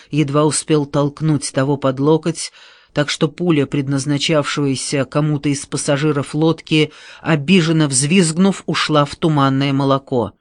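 A man narrating an audiobook in a steady, measured storytelling manner on a close studio mic. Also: medium pitch, no room sound.

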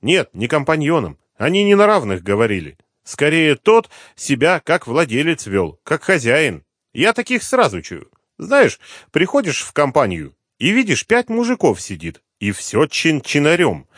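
A man's voice: huge pitch swings, moderate pace, few pauses, a bit bright, no room sound, studio quality, exaggerated voice. A man reading an audiobook, voicing a brash, defiant young woman in her twenties who snaps and mocks. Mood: sullen. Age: 20s. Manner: shrill, snapping, mocking. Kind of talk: audiobook character voice.

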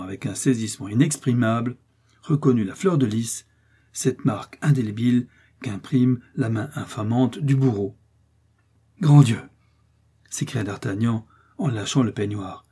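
A man narrating a classic novel aloud, expressive and rising with the action. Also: medium pitch, breathy edge. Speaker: audiobook narrator. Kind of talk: dramatic novel reading.

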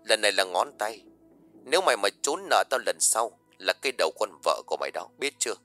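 A man voicing a brutal male loan shark gangster who makes fast, low, growled threats. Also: flat delivery, pushed and bright, clear, resonant tone, faint music behind. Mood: menacing.

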